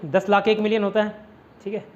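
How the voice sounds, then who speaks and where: A man's voice: high voice, flat delivery, brisk, muffled recording. A man from India teaching a casual vocabulary lesson in a classroom, explaining each word with repeated rhetorical questions.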